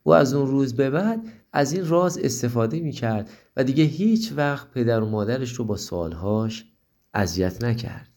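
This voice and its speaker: A man reading a bedtime story for children, his voice warm and mellow. He talks gently to the child listening, at an even pitch. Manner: gentle, addresses the young listener directly.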